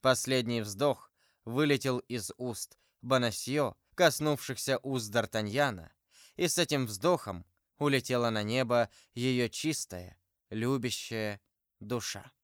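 Male audiobook narrator, measured and dramatic, smooth voice, dry close sound. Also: medium pitch, dry recording.

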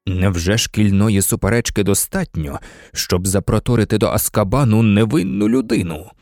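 A man reading aloud, voicing a calm, weary male teacher who speaks quietly and steadily. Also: lowish voice, normal speed, creaky, no echo, clean studio sound, pitched below the performer's own voice.

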